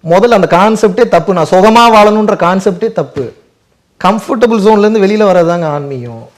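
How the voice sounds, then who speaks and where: A man's voice: sits high, lively intonation, a little fast. A man answering audience questions in a spiritual talk, driving his points home with rhetorical questions and emphatic repetition.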